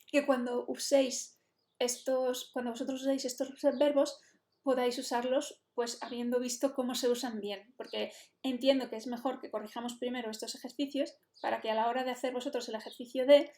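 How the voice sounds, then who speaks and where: A woman with a Spain Spanish accent walks her class through an English lesson, chatty and explanatory. Her voice sits high. The recording carries a noticeable roomy echo. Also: a little mellow. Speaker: English teacher.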